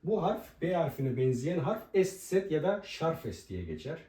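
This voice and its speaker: A man teaching a language lesson at a board, explaining pronunciation and slowly repeating each example word. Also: fairly high pitch, sing-song, dark tone. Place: room with a writing board. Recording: roomy echo, voice from a distance.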